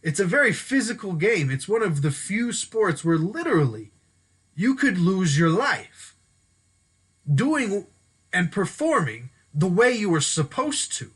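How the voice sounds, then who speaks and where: This man's voice sits high, swings widely in pitch, and carries a fairly bright, breathy tone at a measured pace. Hosting his solo sports podcast out of Denver, he talks through the sports news casually and stops now and then to correct himself.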